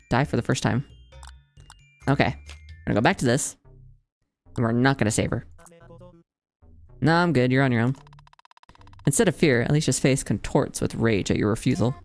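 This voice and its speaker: A woman's voice: extremely low pitch, normal speed, long pauses, a little mellow, soft background music. A woman game streamer reading visual novel narration aloud and adding casual commentary.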